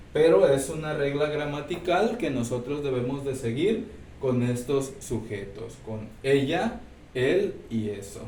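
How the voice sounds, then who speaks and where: A man teaches a recorded lesson, slow and patient, checking in. His somewhat high voice comes from a distance in an echoey room a faint hiss behind it. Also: a little mellow. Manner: explains step by step, checks in with "¿sí?". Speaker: English teacher. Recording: roomy, distant mic, faint background noise.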